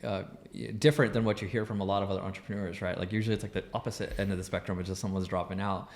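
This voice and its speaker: A man's voice: low-pitched, fairly even intonation, racing. A man of about thirty co-hosting a podcast, asking questions in a chatty way with plenty of fillers and restarts. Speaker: podcast co-host. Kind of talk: casual interview talk.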